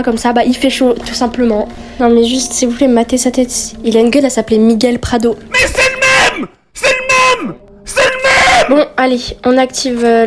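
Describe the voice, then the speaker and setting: A woman's voice: on the high side, warm tone, a little hiss or hum. A young woman doing casual horror game streamer commentary, reading dialogue aloud and reacting in slangy speech.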